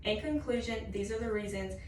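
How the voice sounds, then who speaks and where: A woman's voice: mid-range voice, a little fast. Young woman giving a speech in a roomy space. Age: young adult. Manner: scripted, signposted point-by-point delivery. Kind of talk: prepared introductory class speech. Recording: roomy, distant mic with faint noise.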